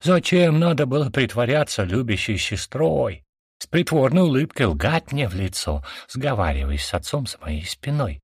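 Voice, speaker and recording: A man's voice: medium pitch, big pitch swings, normal speed, husky, no room sound, studio quality, pitched above the performer's own voice. A man voicing a drunk, furious young man who hurls bitter, sneering accusations at his sister in a storybook reading.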